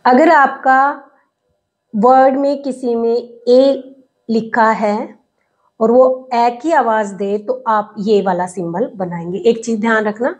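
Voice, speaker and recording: A woman teaching English phonetics, sounding out words slowly syllable by syllable as she explains. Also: fairly high pitch, fairly even intonation. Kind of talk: slow classroom explanation. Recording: dull lo-fi recording.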